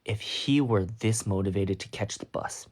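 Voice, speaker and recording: A young man with a fairly low voice reads fanfiction aloud to his livestream, stopping every so often for a wry aside. He sounds casual and at home, talking into his phone. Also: moderate pace, a little mellow. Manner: breaks off to comment wryly on the text. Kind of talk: reading a story aloud with asides.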